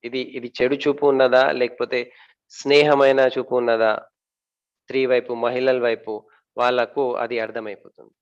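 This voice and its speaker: A man giving a talk about marriage to an audience. He asks questions and answers them himself, pausing often with fillers and repeating words. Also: mid-range voice, flat delivery, clear, resonant tone, muffled recording.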